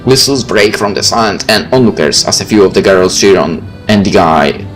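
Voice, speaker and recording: Reading a game's story narration aloud, this male video host mixes in laid-back, wry comments. His voice sits low and is expressive, moving at a moderate pace. Game music can be faintly heard in the background.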